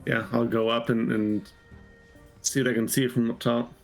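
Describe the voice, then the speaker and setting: A man's voice: mid-range voice, level tone, moderate pace, gravelly, soft background music, rough recording. A man playing a tabletop game, thinking aloud in a tentative way. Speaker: player.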